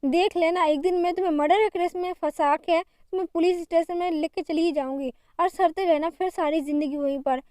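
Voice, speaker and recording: A woman voicing a quick-tempered young wife who scolds and threatens the man in her home. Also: very high-pitched, steady tone, warm tone, no room sound, clean studio sound. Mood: angry.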